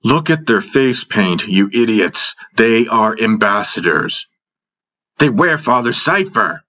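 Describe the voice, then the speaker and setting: A man's voice: on the low side, big pitch swings, takes it slowly, pushed and bright, voice pushed up, exaggerated voice. A man voicing an angry young warrior prince who scolds his brothers in exasperation. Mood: exasperated.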